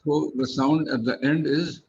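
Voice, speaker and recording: Slow, patient tutor, a man. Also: on the high side, steady tone, highs cut off, background noise. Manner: patient, explains step by step, spells words out. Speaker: English tutor. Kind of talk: one-on-one pronunciation lesson.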